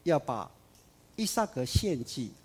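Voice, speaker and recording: A man preaching a sermon, emphatic, swinging between loud declarations and soft asides. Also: medium pitch, big pitch swings, takes it slowly, slightly rough.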